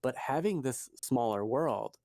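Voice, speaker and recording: A podcast co-host chats casually, rambling and correcting himself along the way. His mid-range voice is animated with a darkish tone and a slightly slow pace, recorded in studio quality with no room sound.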